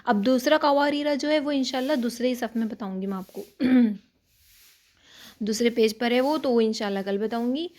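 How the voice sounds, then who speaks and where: A woman's voice: fairly high pitch, darkish tone. Patient woman teaching Quran recitation. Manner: patient, explains step by step with frequent check-ins; chants Arabic words slowly and drawn out. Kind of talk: online tajweed lesson.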